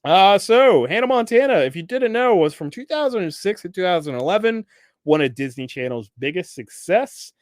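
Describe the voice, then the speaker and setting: Young male podcast host, chatty and animated, voice on the higher side, dry sound. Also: moderate pace, no room sound. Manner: animated, acts out characters' lines with jumps in pitch and loudness; laughs often, swears casually. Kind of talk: casual solo podcast recap.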